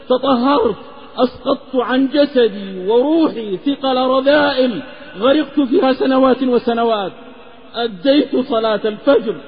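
High-pitched impassioned preacher in echoing hall. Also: male voice. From Hijaz, Saudi Arabia. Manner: impassioned, half-chanted delivery. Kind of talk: Islamic sermon with a moral tale. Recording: lecture recording with long reverb, slightly dull.

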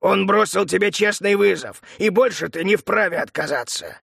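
A man voicing a calm, defiant male bandit chieftain who speaks steadily, in a storybook reading. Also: high voice, moderate pace, gravelly, slightly rough, no echo, clean studio sound, full character voice.

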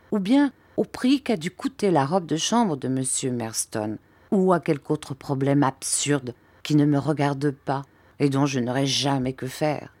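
Woman audiobook narrator, low voice, measured expressive reading, dry close sound. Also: no echo.

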